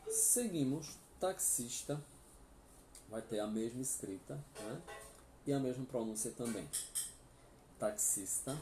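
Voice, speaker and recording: A Brazilian man teaches a live Spanish lesson at a very slow, patient pace, checking in with his students often. His voice is low and mellow. The room sounds echoey, with a faint hum of ambient noise behind him. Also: animated, soft background music. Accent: Brazilian Portuguese. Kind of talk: live online language class.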